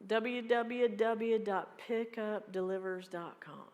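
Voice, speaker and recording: A woman in her fifties fields audience questions at a live meeting. She talks in a blunt, joking, quick way, and her voice carries a long reverb from the hall. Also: mid-range voice, a little mellow. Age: 50s. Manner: blunt, joking, fast-talking. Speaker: keynote speaker. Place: large hall.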